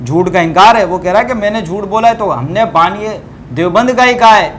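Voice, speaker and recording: A man's voice: sits high, fairly bright tone, a little hiss or hum. A man giving a combative religious debate commentary over scanned book pages, repeating fillers as he argues.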